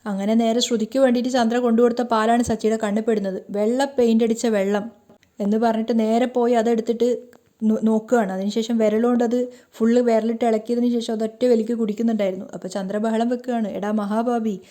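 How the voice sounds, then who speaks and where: A woman narrating a recap of a TV serial episode, retelling scenes with lively quoted dialogue. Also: on the high side, fast. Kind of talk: storytelling recap.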